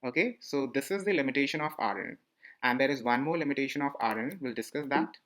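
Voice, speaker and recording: Talking fast with lively intonation, a teacher narrates a slide screencast in a mid-range, somewhat bright voice. He explains the lesson repetitively and often turns questions to the listener.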